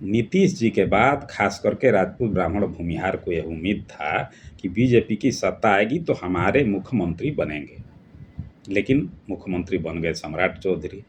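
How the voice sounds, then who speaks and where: A man's voice: sits low, animated, normal speed, a little hiss or hum. A man from Bihar, giving an earnest, emphatic solo political commentary.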